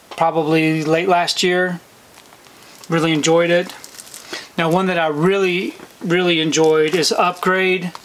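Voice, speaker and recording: A man's voice: a little high, a bit bright, slight background noise, poor audio. A middle-aged man hosting a casual unboxing vlog, talking in an easygoing, rambling way with frequent ums, in a shelf-lined basement room. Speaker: video collector channel host. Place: basement room lined with disc shelves, indoors.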